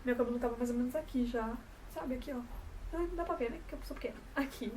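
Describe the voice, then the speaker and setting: A woman's voice: fairly high pitch, fast talker, mellow. Young Brazilian woman vlogger, São Paulo coast accent, chatty and rambling, slightly distant mic with a faint room hum. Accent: São Paulo coast Brazilian Portuguese. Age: 20s. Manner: chatty, rambling, self-correcting. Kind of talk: casual to-camera vlog.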